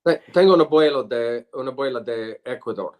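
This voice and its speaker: A middle-aged lawyer who once served as a state senator is a guest answering an interviewer's questions, his pitch ordinary. English is his native tongue, so speaking Spanish he halts, restarts, and searches for words as he goes.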